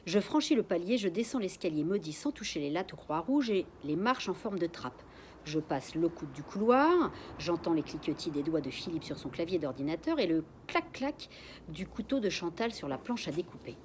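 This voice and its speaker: A woman's voice: on the low side, sing-song, normal speed, a little hiss or hum. A woman reading her own suspense story aloud in the first person, sometimes dropping to a whisper, with a few restarts after slips. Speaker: author reading her book.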